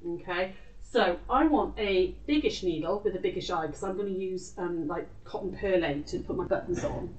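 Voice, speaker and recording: A British woman in her forties, a craft tutor and live show host, runs a casual craft demonstration in an indoor craft room, chatting informally and sometimes muttering to herself as she works. Her voice is fairly low and her pace normal. The echoey recording from a distant mic has cut-off highs and a noisy background.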